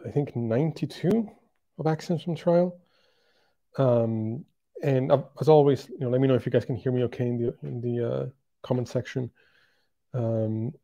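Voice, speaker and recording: This man, a podcast host, has a mellow, creaky voice in the mid range. He chats casually on an online interview podcast in a friendly, halting way, filling his speech with lots of ums and uhs.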